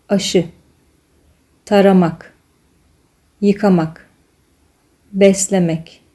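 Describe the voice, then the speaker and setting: A woman reading a list of single words aloud, one at a time, in a measured way. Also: mid-range voice, mellow. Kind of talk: reading a word list slowly.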